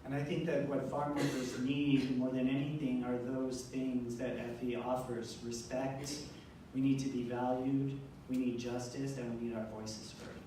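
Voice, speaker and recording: Speaking slowly in a dark, medium-pitched voice with a level tone, a man relays a speaker's remarks as an interpreter at a public event. He sounds far away in an indoor event room, recorded on a distant mic amid strong echo and faint noise.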